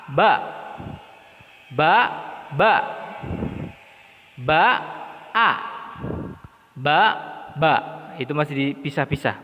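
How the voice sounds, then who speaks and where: A man teaching Quran letter reading, patiently repeating syllables one by one for the learner to follow. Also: medium pitch. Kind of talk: slow step-by-step lesson. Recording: lo-fi recording in a reverberant room.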